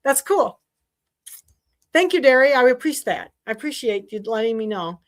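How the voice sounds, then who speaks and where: A woman with a fairly high voice hosts a casual sewing livestream from her desk mic. She talks in a rambling, chatty way, full of fillers and restarts. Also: big pitch swings, moderate pace. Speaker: sewing class host. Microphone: desk mic while streaming.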